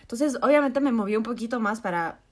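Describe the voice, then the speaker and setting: A woman, co-hosting a podcast and telling a story in a lively, laughing way with slang and quoted asides. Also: on the high side, fairly quick. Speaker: podcast co-host. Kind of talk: casual storytelling chat.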